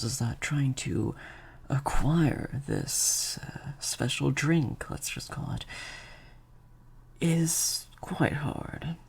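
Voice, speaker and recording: A man voices a sadistic vampire master in an improvised audio roleplay, teasing and threatening a captive listener in breathy half-whispers. His voice sits mid-range and is exaggerated.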